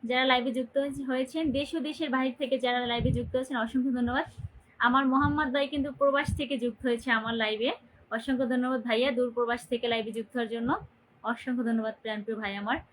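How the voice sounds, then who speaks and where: A young livestream host from Barisal, Bangladesh, speaks very fast in a slightly high, steady voice, captured on a low-quality recording with a little hiss or hum. Chatting casually by phone, she names her viewers and cheerfully asks them to comment and share.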